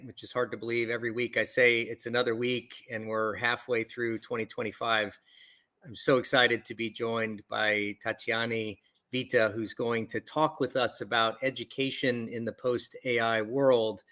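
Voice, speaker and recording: An enthusiastic man opens a live podcast over a video call, welcoming everyone brightly. His voice has a bright, forceful edge at a medium pitch. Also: level tone, normal speed. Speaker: podcast host.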